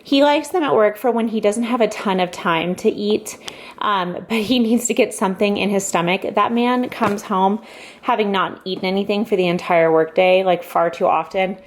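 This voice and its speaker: A woman's voice: mid-range voice, moderate pace, a little hiss or hum. A young pregnant woman chatting casually and upbeat as a vlogger at home, with lots of fillers and asides. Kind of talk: casual haul vlog chat.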